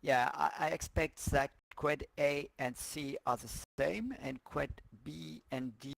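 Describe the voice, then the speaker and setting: A man talking casually and technically as a flight controller in a simulation, halting as he thinks aloud. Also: a little high, fairly even intonation, vocal fry, no room sound.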